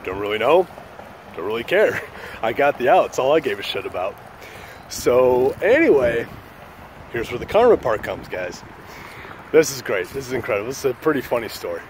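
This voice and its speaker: A man's voice: medium pitch, big pitch swings, moderate pace, pauses often, slight background noise. A man hosting his own channel, telling a story in a loose, joking, profane way. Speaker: channel host. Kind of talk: casual storytelling vlog.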